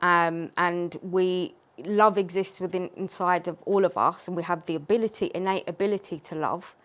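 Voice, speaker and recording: A woman poet whose first language is Urdu speaks earnestly and reflectively in a casual group discussion at a community space. Her voice is on the low side, with fairly even intonation and a moderate pace.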